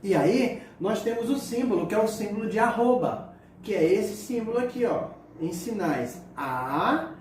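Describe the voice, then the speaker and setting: A man teaching a sign language lesson, speaking haltingly and repeating words as he demonstrates signs. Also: high voice, animated, a little mellow. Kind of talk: spoken lesson explaining signs. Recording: echoey distant mic with faint room noise.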